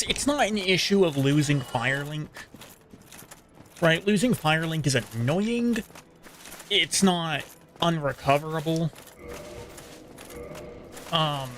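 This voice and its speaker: A man narrating his own gameplay in a loose, chatty way, often muttering little asides to himself. His voice sits a touch on the high side, and a faint background noise runs under the recording. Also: expressive, slow, long pauses, fairly bright tone. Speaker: gameplay streamer. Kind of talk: casual gameplay commentary.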